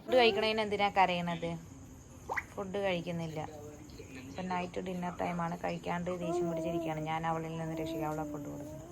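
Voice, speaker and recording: A woman's voice: on the low side, lively intonation, quick pace, heavy background noise. A mother chatting in a casual home vlog, cooing baby talk to her son in a mix of Malayalam and English. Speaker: mother vlogging her baby's day.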